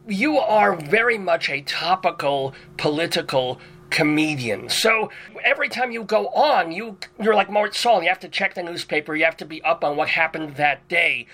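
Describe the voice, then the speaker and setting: An excitable older rabbi hosts a radio chat, put on by a man. His voice sits high and rings bright and brassy, and he gushes along, dropping Yiddish words as he goes. This is a comic radio character. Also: exaggerated voice. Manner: effusive, sprinkles in Yiddish words. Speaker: host.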